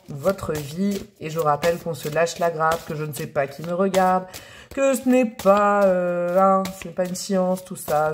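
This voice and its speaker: A woman's voice: fairly low pitch, a little mellow, a little hiss or hum. A woman giving a casual tarot card reading to her viewers, chatty and affectionate, calling them pet names and gushing over the cards. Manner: enthusiastic, often exclaims over the cards. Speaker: tarot reader.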